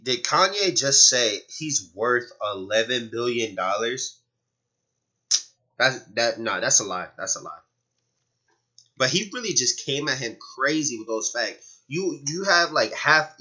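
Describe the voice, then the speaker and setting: A man's voice: mid-range voice, lively intonation, a little slow, bright, forceful tone, muffled recording. A male streamer reacting to a clip in casual, slangy talk, stammering and laughing often.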